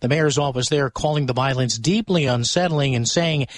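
Guy reading the radio news, mid pitch, dry studio sound. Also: moderate pace, no room sound. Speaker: news anchor. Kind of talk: radio newscast.

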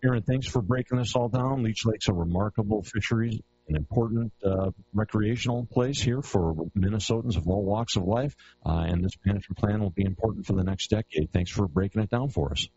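A man's voice: fairly low pitch, a little fast, few pauses, warm tone. A man hosting a radio interview, asking plain, friendly questions, heard as a recording taped off the radio. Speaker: radio outdoors show host. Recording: dull lo-fi radio tape with faint hiss.

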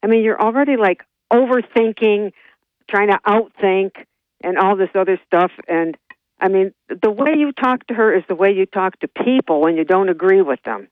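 A woman caller to a radio talk show, speaking over a landline phone, blunt and teasing, halting with fillers. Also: mid-range voice, no echo. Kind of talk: call-in radio chat. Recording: tinny landline phone line, dry.

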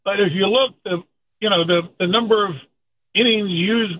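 A man phones in to a talk radio show, and his voice reaches the studio through a narrow, tinny phone line. He speaks in a fairly high register. His talk is loose and casual, and he keeps snagging on repeated words before each point gets going. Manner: halting, repeats words when starting sentences. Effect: phone line call-in audio. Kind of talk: casual call-in sports talk.

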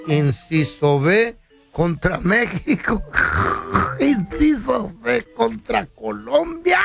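A man with a very high, gravelly voice co-hosts a call-in radio show at an unhurried pace. He teases the caller with slangy, flirty banter while music plays clearly behind him. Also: sing-song. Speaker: radio co-host. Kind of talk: playful radio call-in chat.

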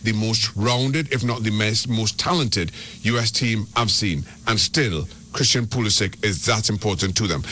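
A man's voice: lowish voice, pushed and bright, a little hiss or hum. A man from Trinidad and Tobago, giving soccer analysis as a radio guest and often restarting his words. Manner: repeats and restarts words when making a point. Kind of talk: radio sports talk.

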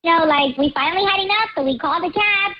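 Pitched-up woman through a voice changer. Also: fast, lo-fi sound. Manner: chatty, laughs while telling it. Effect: voice changer disguising her voice. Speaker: caller. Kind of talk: telling a confession story.

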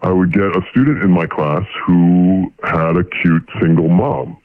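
Man with a deep voice-changer filter. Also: measured pace, a loud crowd. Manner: hesitant, filler-laden telling. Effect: voice changer shifting the pitch deep. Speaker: caller. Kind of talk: casual storytelling. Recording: tinny phone line.

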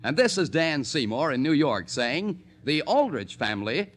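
A man's voice: fairly high pitch, big pitch swings, moderate pace, fairly bright tone, slightly rough. A man with an American accent doing polished, emphatic 1940s radio announcing and sales reads. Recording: old 1940s radio broadcast recording.

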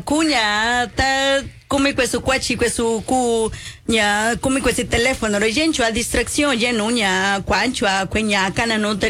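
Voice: medium pitch, sharp tone. Radio host, bilingual interview, faint background hiss.

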